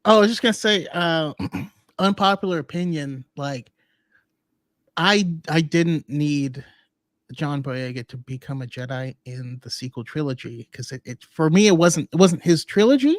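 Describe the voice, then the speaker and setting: A man's voice: a little high, expressive, moderate pace, no echo. A man co-hosting a podcast in casual chat, thoughtful and chatty, often laughing along. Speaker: podcast co-host.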